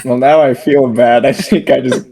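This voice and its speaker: A man's voice: mid-range voice, fairly even intonation, warm tone, slight background noise. A man playing a tabletop game in casual, joking role-play. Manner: slow and joking. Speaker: player.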